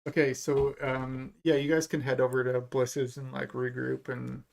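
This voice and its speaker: A man's voice: medium pitch, monotone, moderate pace, gravelly, a little mellow. A man running a tabletop game in a loose, chatty way, laughing often. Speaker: game master. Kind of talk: casual tabletop game narration. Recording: faint background noise.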